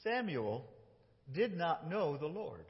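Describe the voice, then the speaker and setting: Pastor, man, telling a story in a lively, higher voice; muffled, reverberant church hall. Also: takes it slowly. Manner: animated, reads dialogue in lively voices. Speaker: lead pastor. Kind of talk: sermon storytelling with children acting. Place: church sanctuary.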